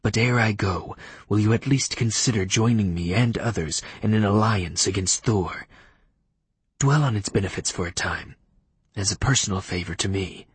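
A stuffy old vampire attorney with a low, husky murmur, as an audiobook narrator puts him on. His diction is archaic and clipped, and he keeps his words quiet and close to a whisper. The storybook reading is dry and close to the mic. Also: moderate pace, dry recording. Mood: stuffy, formal. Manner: quiet, half-whispered delivery. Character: formal old male vampire lawyer, stuffy and aloof.

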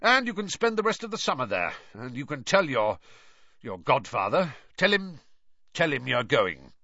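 A man's voice: medium pitch, big pitch swings, pushed and bright, dry recording, dull audio, heavily acted. A man voicing an irate, blustering middle-aged British uncle who spits, hisses and halts over his emphatic words in an audiobook. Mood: grudging, flustered. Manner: spitting, hissing, halting and emphatic.

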